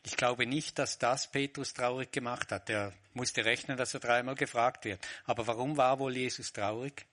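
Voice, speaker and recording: A man's voice: medium pitch, steady tone, normal speed, few pauses, a bit bright. A man preaching a sermon, reflective, voicing short quoted lines with changing emphasis.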